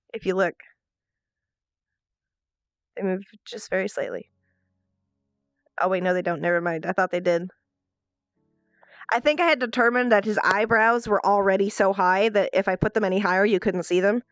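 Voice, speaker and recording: A woman's voice: mid-range voice, moderate pace, long pauses, no echo, muffled recording. Nasal, congested woman streamer chatting playfully. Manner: playful, self-mocking, expressive. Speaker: livestreamer and role-player. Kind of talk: casual livestream chat.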